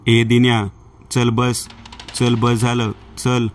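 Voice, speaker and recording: Drunk young man, nervous, storybook horror, read by a man, monotone delivery, faint noise behind. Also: medium pitch, slow pace, close to an everyday voice. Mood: frightened.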